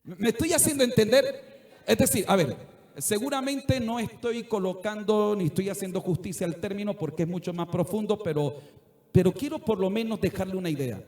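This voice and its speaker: A man's voice: sits high, normal speed, darkish tone. A middle-aged male pastor preaching a sermon earnestly, at times rising to fervent exhortation. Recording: echoey church room.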